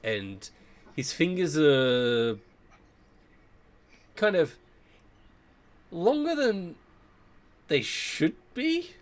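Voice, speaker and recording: A man's voice: on the high side, big pitch swings, drawn-out words, pauses often. A man narrating as game master, loosely searching for words with um and like.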